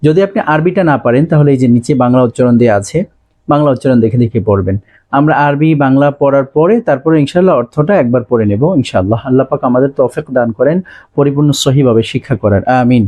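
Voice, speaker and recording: A man teaching Quran recitation, chanting each phrase slowly and melodically, then briskly explaining pronunciation in between. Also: medium pitch, warm tone. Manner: drawn-out melodic recitation, repeated line by line. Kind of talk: slow recitation lesson with Bangla explanations.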